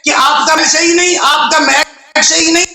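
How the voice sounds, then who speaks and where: An older male caller and religious scholar, arguing angrily and often shouting over a call line that keeps breaking up. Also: very high voice, fairly even intonation, very echoey, a loud crowd. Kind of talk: heated call-in debate.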